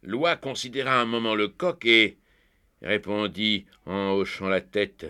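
A man narrating a children's storybook tale in a lively, expressive reading. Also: on the low side, unhurried, clean tone. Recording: faint background music.

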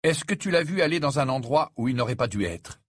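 A man's voice: mid-range voice, expressive, a little fast, slightly rough, dry recording, studio quality. A man voicing an impatient, determined teenage boy wizard in an audiobook, speaking urgently. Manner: urgent and eager. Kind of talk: audiobook character voice.

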